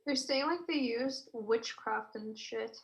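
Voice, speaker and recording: A young woman leading a casual group study chat, blunt and quick to swear, often baffled by the reading. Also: on the high side, creaky, poor audio. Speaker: student leading a group discussion.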